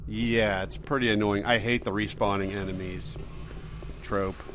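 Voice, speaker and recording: A man's voice: lowish voice, fairly even intonation, moderate pace. A man hosting a let's play, giving casual, joking, conversational gameplay commentary. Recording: game music behind the voice.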